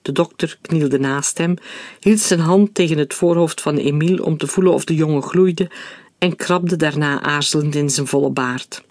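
A man reading a story aloud in a steady, clear narrating voice. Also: on the high side, normal speed, dry recording, studio quality.

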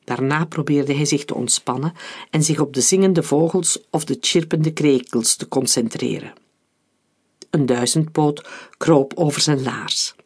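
Husky man narrating a story. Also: on the high side, measured pace. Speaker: audiobook narrator. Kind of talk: scripted narration.

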